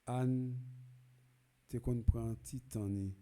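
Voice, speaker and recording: A man with a Haitian accent, a priest reading the gospel and giving a funeral homily in a church, measured and rising to loud proclaiming calls. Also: mid-range voice, fairly even intonation. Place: church during a requiem mass.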